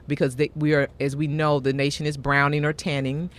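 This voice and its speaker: A woman with a Mississippi accent speaking as a guest in a radio interview, explaining things in a formal, measured, courteous way. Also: low voice, flat delivery. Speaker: guest, health education executive director.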